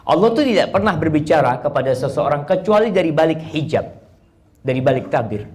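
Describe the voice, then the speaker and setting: A man preaching a sermon and telling a story in an animated way, moving between plain narration and recited Arabic. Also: on the high side, brisk.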